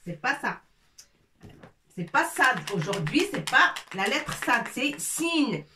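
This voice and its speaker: A woman teaching a lesson in French, slowly drilling syllables as she writes on a board. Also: high voice, very animated, noisy background. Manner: slow, repetitive, drilling syllables. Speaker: Arabic teacher. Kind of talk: casual classroom lesson, writing on a board. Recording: echoey room, mic at a distance.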